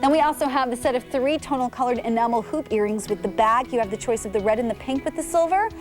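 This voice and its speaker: A woman's voice: fairly high pitch, quick pace, faint music behind. Chatty woman selling on TV. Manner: chatty, enthusiastic, digressive. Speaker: shopping channel host. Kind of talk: live TV sales pitch.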